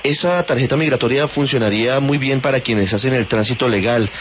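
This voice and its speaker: Male radio journalist, mid voice, formal measured question, muffled sound w faint hiss. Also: mid-range voice, fairly bright tone.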